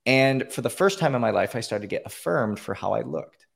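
A man from Canada dials into a podcast and earnestly relates his own experiences in an interview, often using fillers and starting over. His mid-range voice is expressive and brisk, with vocal fry and a breathy edge, coming through a call-in line.

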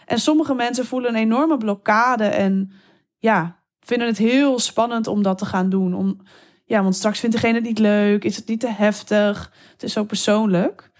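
A woman guest talking openly and eagerly in an interview, speeding up in quick bursts. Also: fairly high pitch, steady tone. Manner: open, enthusiastic, quick bursts with laughs. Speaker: guest telling erotic stories. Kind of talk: interview conversation.

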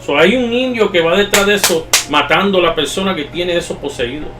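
A man's voice: sits high, brisk. A man hosting a casual chat, explaining things in a lecturing way with many restarts. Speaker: podcast host. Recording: echoey distant mic with faint music.

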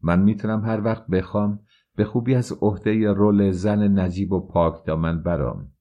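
A man's voice: on the low side, phone-quality sound. A man voicing a proud, scornful courtesan. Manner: scornful, frank. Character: proud young actress, courtesan, defiant.

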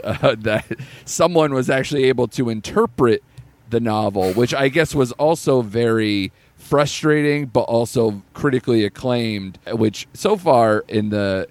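His voice is on the low side with a darkish tone and no echo. He's the host of a casual podcast chatting about a new film, frequently breaking into laughter as he reads the storyline aloud.

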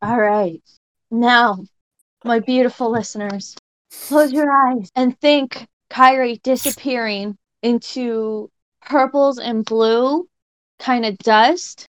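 A woman's voice: fairly high pitch, slow pace, fairly bright tone, smooth. A woman playing a tabletop game, chatting and describing her character's moves. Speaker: player. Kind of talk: casual tabletop play.

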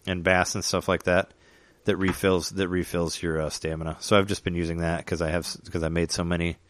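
A man's voice: low-pitched, little pitch movement, brisk, slight background noise. A man chatting casually about a video game, rambling with lots of fillers and restarts. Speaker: gamer chatting. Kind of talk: casual chat.

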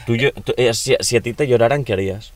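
A man's voice: medium pitch, fast. A young man, joking crudely and laughing often in a casual podcast chat. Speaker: podcast co-host.

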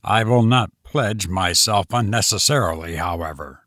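A man's voice: on the low side, normal speed, a bit bright, dry recording. A man voicing a polite, cautious older male painter who speaks formally and carefully, recorded close and dry.

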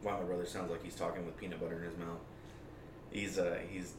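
A man's voice: sits low, flat delivery, fast talker. A man co-hosting a sports podcast, giving casual, opinionated commentary in an emphatic way. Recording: distant, echoey room with clear noise.

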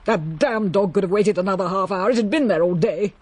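A woman's voice: mid-range voice, a little fast, darkish tone, slightly rough, no room sound, natural voice. A woman playing a blunt, brusque countrywoman in a radio drama, distraught after a shock.

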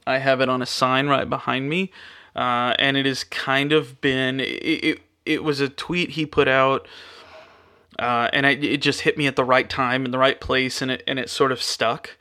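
A man's voice: medium pitch, clean tone. Laid-back man rambling on his podcast. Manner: relaxed, many fillers and restarts. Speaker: podcast host. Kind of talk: casual rambling monologue. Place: spare bedroom home studio. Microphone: studio microphone.

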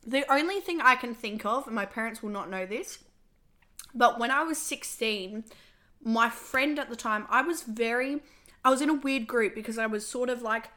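A young woman hosting a podcast, her voice bright and sharp and set a touch high. She talks in a chatty, confessional way full of fillers, and her voice is a bit worn as she loses it. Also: normal speed. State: losing her voice. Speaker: podcast host. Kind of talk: casual podcast chat.

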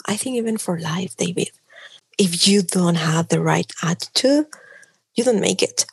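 A middle-aged woman from Mexico, speaking with a Mexican Spanish accent, earnestly describes her work as an image consultant in a casual interview. Her lowish voice is gravelly with a breathy edge and moves at a normal speed, and she often restarts sentences and leans on "like" as a filler.

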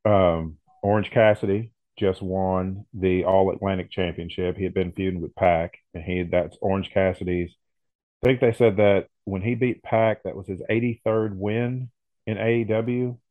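A very low-pitched man co-hosts a casual podcast, easygoing and agreeable. He restarts his sentences often and fills gaps with "yeah". The audio is narrow and phone-like. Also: fairly even intonation, normal speed, no room sound. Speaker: podcast co-host. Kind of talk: casual chat.

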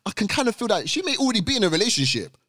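A man's voice: high voice, sing-song, rapid-fire, pushed and bright, no room sound. A young man with an urban London roadman accent, chatting casually in a group discussion and repeating phrases for emphasis. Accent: London, urban roadman slang.

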